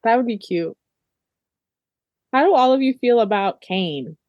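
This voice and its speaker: A woman's voice: a little high, animated, a little slow, no echo, highs cut off. A woman with a slightly raised voice chats casually about a book with her friends, stringing thoughts together with plenty of "like". The sound is close and dry, with no room around it. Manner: chatty, heavy use of "like" fillers. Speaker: book discussion co-host. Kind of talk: casual book club chat.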